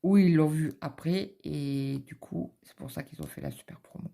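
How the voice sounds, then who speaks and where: Speaking at a moderate pace in a deep, mellow voice with vocal fry, a middle-aged woman chats casually while cross-stitching in her home office. She's a vlogger telling a rambling anecdote packed with fillers.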